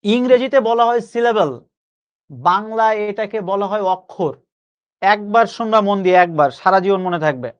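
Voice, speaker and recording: A young man teaching an online grammar class, coaxing his students and repeating key phrases slowly for emphasis. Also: high voice, lo-fi sound. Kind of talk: live online class lecture.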